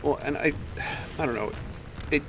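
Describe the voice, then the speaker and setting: A man co-hosting a casual spiritual chat, speaking softly and in a measured way. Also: a little high, gravelly, background noise. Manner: soft, measured, many affirming murmurs.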